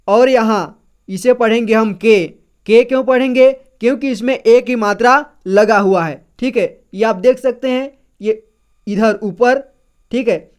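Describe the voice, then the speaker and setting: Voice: medium pitch, clear, resonant tone. A patient reading teacher going through a syllable chart one sound at a time, repeating each syllable and checking in with the learner after every point. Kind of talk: slow syllable-by-syllable reading lesson.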